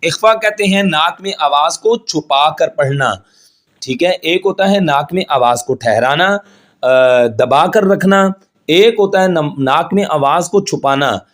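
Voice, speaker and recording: A man teaches tajweed in a steady, patient way. He explains each rule step by step, often checks in with his students, and recites the Arabic examples slowly with long held sounds. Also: a little high. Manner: patient, repeats each point and checks in with "theek hai"; chants Arabic words slowly and stretched out. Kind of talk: tajweed lesson.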